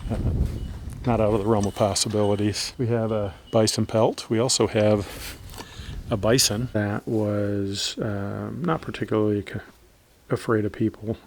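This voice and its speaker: A man's voice: lowish voice, level tone, unhurried, vocal fry, a little mellow. A man narrating his fishing trip outdoors in an easygoing, chatty way, with dry asides. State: out of breath at elevation. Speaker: fishing vlogger. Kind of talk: casual outdoor narration to camera. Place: outdoors on grasslands and creek trails. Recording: outdoor camera audio with noise.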